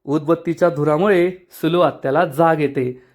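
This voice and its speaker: A man casually retelling a TV serial episode, brisk storytelling with personal asides. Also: fairly high pitch, steady tone, darkish tone. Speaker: serial recap narrator.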